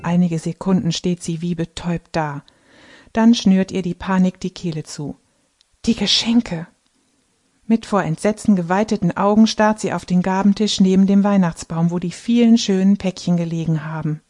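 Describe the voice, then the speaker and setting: A woman reading a Christmas story aloud with measured, expressive narration. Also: on the low side. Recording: faint background music.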